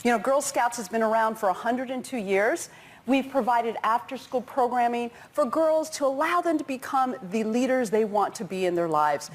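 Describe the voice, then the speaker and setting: A woman's voice: on the high side, moderate pace. A woman representing an organization on a talk show, speaking earnestly about a campaign. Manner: earnest, promotional. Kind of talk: promotional talk show speech.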